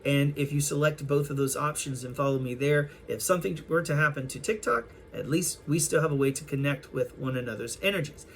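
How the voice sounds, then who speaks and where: A man giving a spiritual tarot reading to an online audience, speaking in a gentle, affirming way and calling his listeners darlings and collective. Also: a little high, brisk, gravelly, few pauses, a little hiss or hum. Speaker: tarot reader.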